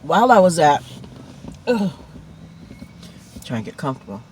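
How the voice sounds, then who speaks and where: A man's voice: a little high, very animated, moderate pace, slight background noise. A man chatting casually in a food mukbang vlog, heartfelt and talkative, lingering over each item. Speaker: food vlogger.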